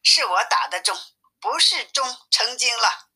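A woman's voice: fairly high pitch, lively intonation, a little slow, sharp tone, slightly rough, voice pushed up, full character voice. A woman reading aloud voices a humble male Daoist temple attendant who speaks in a plain, reassuring way. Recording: tinny phone-like sound.

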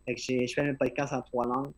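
A man's voice: medium pitch, level tone, quick pace. A podcast host, a man with an accent and slightly slurred articulation, talking earnestly in a casual conversation and often repeating words as he starts a thought. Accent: non-native-sounding French accent.

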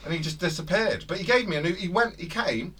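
A man's voice: high voice, fast, distant mic, a little hiss or hum. A man from near Wales, co-hosting a casual podcast, reading odd news stories and laughing through them. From England, near Wales. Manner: laughs while reading, animated. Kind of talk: casual banter.

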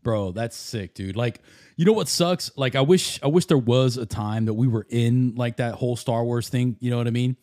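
A man's voice: mid-range voice, normal speed, a little mellow, no echo, studio quality. A man chatting casually like a frat bro, full of slang and swearing. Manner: frat-bro slang, says bro and dude often. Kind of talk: casual hype chat.

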